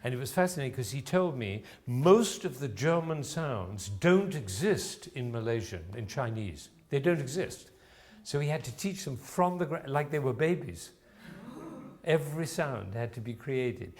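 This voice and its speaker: A man's voice: mid-range voice, very animated, a little slow, darkish tone. A man teaching a voice masterclass in front of an audience, encouraging the singer and explaining as he goes. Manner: encouraging, explanatory, demonstrates sounds and phrases. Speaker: music teacher giving a voice masterclass. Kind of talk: live coaching of a singer before an audience. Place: room with an audience present.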